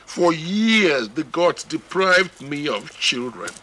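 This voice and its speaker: A man's voice: fairly high pitch, big pitch swings, takes it slowly, a little hiss or hum, full character voice. An actor with a Nigerian accent playing a proud village king who despairs and pleads over his sick son. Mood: anguished. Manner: anguished, pleading, breaking into shouts.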